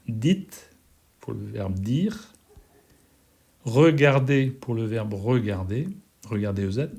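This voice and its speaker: A man explains classroom instructions at a very slow, deliberate pace. His pitch sits in an ordinary middle range. He is patient and repeats words, spelling them out letter by letter. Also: a little mellow. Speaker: French teacher.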